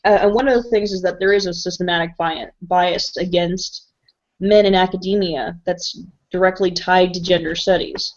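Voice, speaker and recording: A woman's voice: on the low side, steady tone, normal speed. A woman hosting a casual live stream chat, talking freely and laughing often. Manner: chatty, laughs often, talks with mouth full. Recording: dull lo-fi stream audio.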